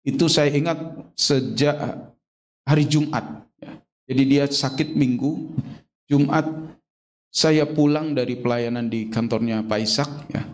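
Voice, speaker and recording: A middle-aged male pastor preaching a sermon in a church, constantly addressing the congregation and climbing to near-shouts at his peaks. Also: medium pitch, fairly even intonation, unhurried, long pauses. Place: church sanctuary.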